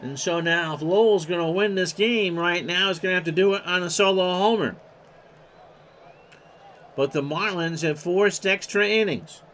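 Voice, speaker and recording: Bright-voiced man calling a replayed ballgame. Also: high-pitched, normal speed, slight background noise. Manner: reels off stats in clipped lists, erupts on big plays. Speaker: play-by-play announcer of a replayed game. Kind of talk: play-by-play commentary. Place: home streaming setup.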